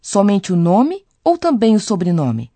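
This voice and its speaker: A woman's voice: medium pitch, huge pitch swings, unhurried, dark tone, no room sound. A woman co-presenting a scripted radio lesson, posing listeners' questions to the teacher in a conversational way. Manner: inquisitive, conversational.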